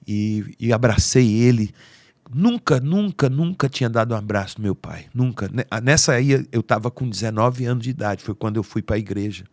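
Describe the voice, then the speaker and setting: A man with a Brazilian accent tells an emotional family story on a podcast, slipping into the voices of the people in it. His voice sits at a middle pitch. It sounds dry and close on the mic. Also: moderate pace, a little mellow, dry recording. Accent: Brazilian Portuguese. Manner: heartfelt, acts out quoted family voices. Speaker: podcast speaker.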